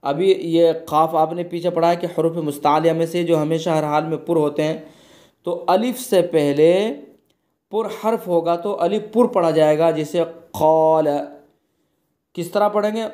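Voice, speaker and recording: A man from India teaching an online Quran recitation class, explaining each rule patiently and chanting the example words slowly. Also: on the high side, steady tone, warm tone.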